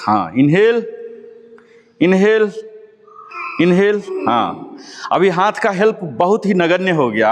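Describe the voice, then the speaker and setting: A man leading a live yoga class, encouraging his students and calling out each breath and pose. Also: a little high. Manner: encouraging, calls out breaths and poses. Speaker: yoga instructor. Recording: long hall reverb.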